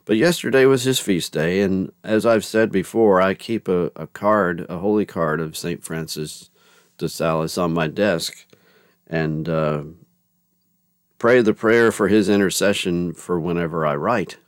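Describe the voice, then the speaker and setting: A man's voice: low voice, measured pace, smooth, dry recording, studio quality. A man hosting a faith podcast, reading scripture and chatting in a rambling, folksy way with many restarts. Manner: rambling, self-correcting, folksy. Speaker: podcast host. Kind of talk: casual commentary with scripture reading.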